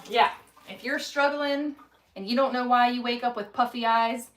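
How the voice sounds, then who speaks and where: A woman's voice: on the high side, moderate pace, fairly bright tone, slight background noise. A woman, a mother of five chatting candidly in a casual home vlog, rambling and self-deprecating. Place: home kitchen.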